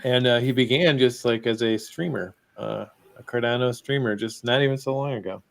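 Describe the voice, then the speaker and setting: A man hosting a live crypto news stream, reading out news items in a relaxed, chatty way and bantering with his guests. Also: medium pitch, brisk, creaky. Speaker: host.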